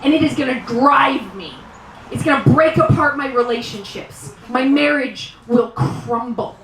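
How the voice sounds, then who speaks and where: A woman performing a live stand-up set, self-mocking and wry, now and then breaking into shouted bursts. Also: high-pitched, a little slow, crowd noise. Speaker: stand-up comedian. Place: small live venue. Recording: roomy live sound from a distant mic.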